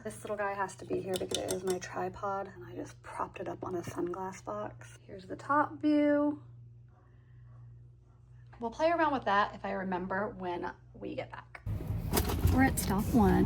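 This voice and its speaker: A woman in a casual vlog, talking straight to her viewers in a chatty, rambling way. Her pitch sits in a middle range. Steady background noise is clearly audible under her voice. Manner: rambling, chatty, thinks aloud. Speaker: lifestyle vlogger. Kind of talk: casual vlog chat to camera.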